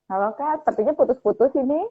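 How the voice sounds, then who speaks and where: A woman's voice: sits high, fast, husky. A woman hosting an online live chat, heard over patchy call audio with a bad connection, calling out repeatedly to her guest. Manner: friendly, calls out repeatedly to a guest. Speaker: host. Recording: dull lo-fi online call sound.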